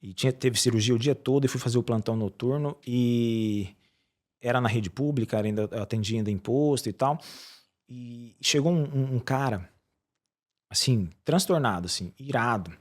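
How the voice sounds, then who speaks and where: A man's voice: medium pitch, normal speed. A middle-aged Brazilian man, a surgeon, chats as an interview guest. He tells stories earnestly and acts out the voices of the people in them. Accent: Brazilian Portuguese. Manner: earnest storytelling with lively acted quotes. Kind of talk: casual interview chat.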